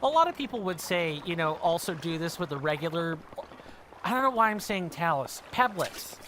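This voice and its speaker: Streamer, 30s, bright voice, rambling self-correcting chatter over gameplay. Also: medium pitch, very animated, brisk, a little hiss or hum. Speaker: streamer playing a video game. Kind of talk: casual let's-play chat.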